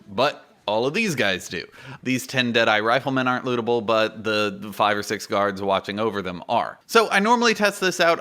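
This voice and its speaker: A man's voice: mid-range voice, bright, forceful tone. A man in his twenties hosting a gaming guide, explaining in an informal, conversational and emphatic way into a close studio microphone. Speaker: YouTube gaming guide host. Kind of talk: informal explanatory video commentary. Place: small indoor home studio. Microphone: close microphone on boom arm.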